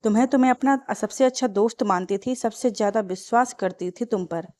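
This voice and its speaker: A woman's voice: fairly high pitch, fairly quick, a little mellow, natural voice. A woman reading Preeti, a bitter young wife.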